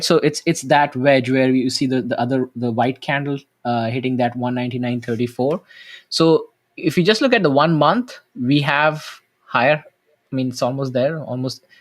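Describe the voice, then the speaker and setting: Halting man correcting himself mid-thought. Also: mid-range voice. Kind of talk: casual market chat.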